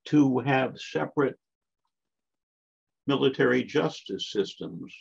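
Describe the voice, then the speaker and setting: Slow gravelly older male lecturer. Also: fairly low pitch, darkish tone. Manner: measured, emphatic, with frequent asides. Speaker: guest lecturer. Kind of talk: academic history lecture. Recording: dull lo-fi lecture recording.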